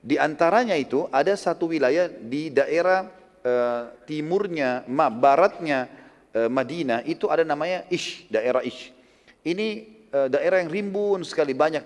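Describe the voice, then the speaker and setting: A man's voice: a little high, long reverb tail. A man giving a religious lecture, retelling a story animatedly and voicing the people in it, often tagging lines with a casual aside. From Indonesia. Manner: lively retelling, acts out quotes with tag "gitu kan". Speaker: preacher.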